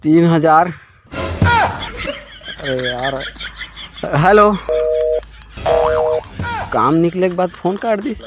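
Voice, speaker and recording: A man's voice: on the high side, animated, very slow, long pauses, loud music behind the voice. A man with a Chhattisgarhi accent acting as a broke, hard-drinking working man who grumbles like a town drunk in a comedy skit. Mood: exasperated. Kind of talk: comedy skit storytelling with dramatic complaints.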